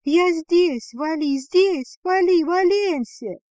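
A woman reading a storybook, voicing a young female dragon bride who speaks soft and breathless. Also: a little high, sing-song, measured pace, no echo. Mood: excited.

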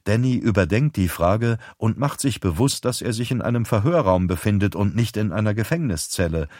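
A man reads an audiobook in an even, measured manner. His voice sits low. The recording is dry and close. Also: dry recording. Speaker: audiobook narrator. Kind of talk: scripted narration.

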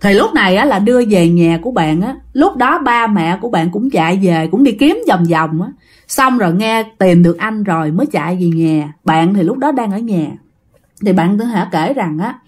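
Lively Southern Vietnamese woman storyteller. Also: mid-range voice. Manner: chatty, addresses listeners directly. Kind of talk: ghost story narration.

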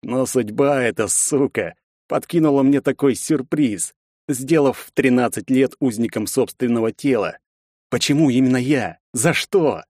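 Male audiobook narrator, first-person, expressive and gritty, dry close mic. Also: medium pitch, a little slow, no echo.

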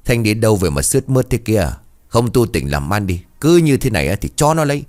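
A man voicing a stingy, scolding middle-aged village mother who nags in a fast, sharp way. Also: big pitch swings. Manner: nagging, shrill scolding.

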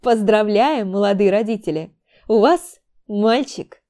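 A commanding midwife, played by a woman reader, firm and urging. Her tone is mellow and dark. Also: high voice, moderate pace, voice pushed up, lightly acted. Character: middle-aged female midwife, brisk and commanding.

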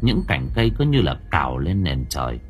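A man reading a horror story aloud as an audiobook narrator, in expressive storytelling style. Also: extremely low pitch, fairly quick, breathy edge, faint music behind.

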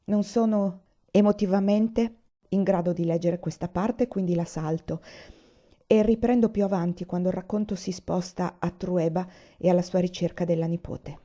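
Woman, audiobook-style novel reading, calm measured pacing, very dark warm voice, muffled recording. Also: on the low side. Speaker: reader of novels. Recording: dull lo-fi recording.

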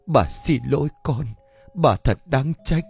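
Male narrator doing an elderly grandmother, apologetic and weepy, a touch lifted in pitch. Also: expressive, takes it slowly, vocal fry, a little mellow, husky, soft background music, heavily acted. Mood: tearful. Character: old grandmother, tearful and remorseful.

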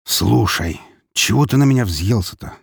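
A man voicing a brash, crude, teasing male police investigator, loud and boisterous. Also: on the low side, expressive, moderate pace, vocal fry, husky, no echo, studio quality, voice pushed up, full character voice.

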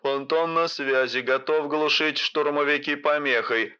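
A man's voice: fairly high pitch, steady tone, a little slow, bright, forceful tone, clear, resonant tone, pitched above the performer's own voice. A man reading out military officers' radio exchanges, speaking in clipped, formal call procedure as if over a field radio. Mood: terse. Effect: radio transmission sound. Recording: dull lo-fi radio sound.

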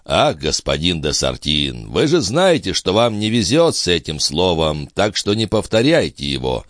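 Guy doing a low, sly count, smooth and unhurried, dry mic. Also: sing-song, fairly bright tone, no room sound. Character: cool, scheming male count, calm. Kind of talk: audiobook character voice.

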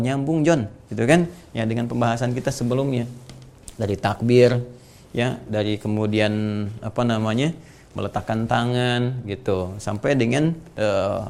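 A man teaches an Islamic study lesson in a relaxed, chatty way. His voice is gravelly, at a middle pitch, and he shifts into heartfelt prayer now and then. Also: normal speed. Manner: casual explaining with lively prayer passages. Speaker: religious teacher.

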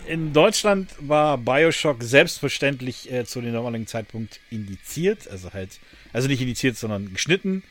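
A man's voice: mid-range voice, expressive, moderate pace, fairly bright tone. A man hosting a casual podcast, talking loosely with many fillers and restarts and laughing often. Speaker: podcast host.

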